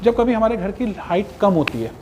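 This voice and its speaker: Guy with a high voice showing off fans in a showroom, eager salesy talk, faint room noise. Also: big pitch swings, fairly quick, mellow. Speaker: fan showroom presenter. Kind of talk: product walkthrough in Hindi-English mix.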